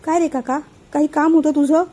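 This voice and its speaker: An irritated young man snaps back at his meddling family, as a woman storyteller reads his lines. The voice stays high and mellow, curt and exasperated, in a read-aloud family story. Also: steady tone, brisk, close to an everyday voice.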